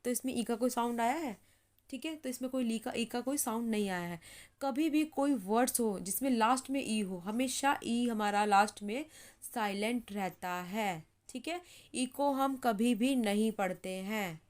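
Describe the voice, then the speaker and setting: A woman teaching English pronunciation in Hindi, repeating each word slowly as she writes it and checking in with "ठीक है" again and again. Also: fairly high pitch. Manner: repeats words slowly while writing, says "ठीक है" often. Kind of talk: slow explanatory lesson.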